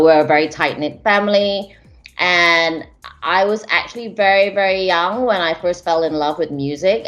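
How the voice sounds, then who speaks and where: Low-voiced reflective woman from Malaysia. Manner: reflective, hesitant, many restarts and fillers. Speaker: interview guest, music manager. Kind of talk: casual interview conversation.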